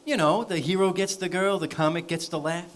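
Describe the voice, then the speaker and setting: An actor on stage playing an eager small-time comic from New York, brash and chatty. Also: male voice, high-pitched, brisk, a little hiss or hum, lightly acted. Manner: brash, wisecracking showbiz patter. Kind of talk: stage play acting.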